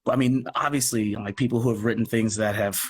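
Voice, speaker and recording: The guest, a theatre company producer, speaks a little fast in a fairly low voice with fairly even intonation, heard over a noisy live video call. He's casual, emphatic, and enthusiastic, restarting sentences often and slipping in asides.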